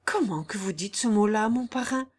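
This audiobook reading features a woman playing a devoted young peasant girl who begs in an earnest, plaintive way with rustic wording. The voice is mid-range, expressive and slightly rough, delivered at a moderate pace.

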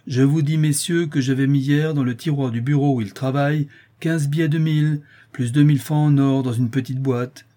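A man's voice: medium pitch, steady tone, moderate pace, dark tone, lightly acted. A man voicing a stern, furious employer who accuses his clerk harshly. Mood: stern accusing. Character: stern angry male employer, older, merciless.

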